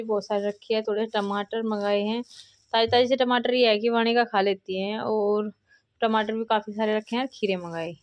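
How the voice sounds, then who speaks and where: A young woman with an Uttar Pradesh Hindi accent, chatting to viewers in a casual vlog as she explains each household chore while she works. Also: mid-range voice. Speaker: family vlogger and homemaker.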